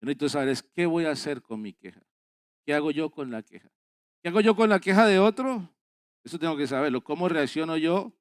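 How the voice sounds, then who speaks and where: A male pastor delivers a sermon at a church service, urging his listeners on in an earnest, exhorting way and hammering home points through repetition. His voice sits high and comes across clean and resonant. The sound is dry and close, with little room echo. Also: animated, fairly quick, smooth. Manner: earnest, exhorting, repeats phrases for emphasis.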